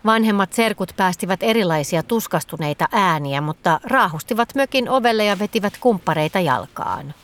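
A woman reads a children's story aloud in a gentle, expressive voice. Her mid-range pitch rises and falls in a lively way, carrying the storytelling along. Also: hardly any pauses.

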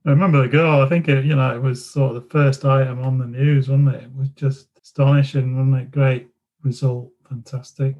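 A man's voice: mid-range voice, level tone, brisk, a little mellow. A man on a sports podcast making brief remarks, recorded on a dull, distant line. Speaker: podcast co-host. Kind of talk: casual sports podcast chat.

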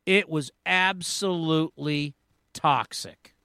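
A man in his forties hosting sports radio talk, telling stories in an energetic, rambling way. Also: a little high, slow pace, clean tone, dry recording. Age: 40s.

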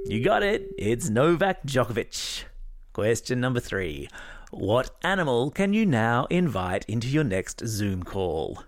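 Lively Australian man reading kids' news. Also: mid-range voice, unhurried. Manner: upbeat, playful, jokey asides. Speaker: news podcast host. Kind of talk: scripted kids' news narration.

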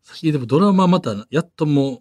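A man with a Kansai accent chatting casually as a podcast co-host, telling stories excitedly. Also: a little high, fast talker, no echo. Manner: animated, excitable storytelling. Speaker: comedy duo podcast co-host. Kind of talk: casual chat.

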